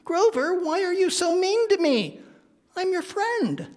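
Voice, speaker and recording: A man voicing a big gentle bird with a sweet, childlike manner in a storybook read-aloud. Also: very high-pitched, wildly swooping pitch, unhurried, big-room sound, pitched above the performer's own voice, heavily acted.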